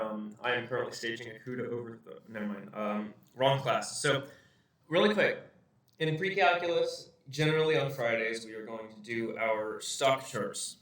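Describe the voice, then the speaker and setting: A man's voice: medium pitch, a bit bright. Male teacher in an echoey empty classroom. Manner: jokey, self-deprecating asides. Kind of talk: recorded math lesson. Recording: very echoey room, distant mic.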